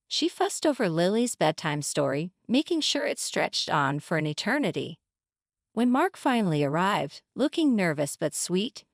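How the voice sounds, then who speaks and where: A woman's voice: fairly low pitch, dry recording, studio quality. A woman reading a scripted first-person family drama in a dramatic storytelling manner. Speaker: narrator.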